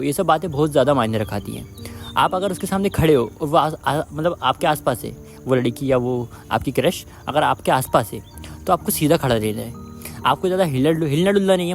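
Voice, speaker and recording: A man talks quickly in a fairly high voice, speaking straight to the viewers with dating tips. He calls them friends and says each point several times over. Soft music plays faintly behind him. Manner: repetitive, addresses viewers as friends. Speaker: dating advice video host. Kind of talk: direct-to-viewer advice talk.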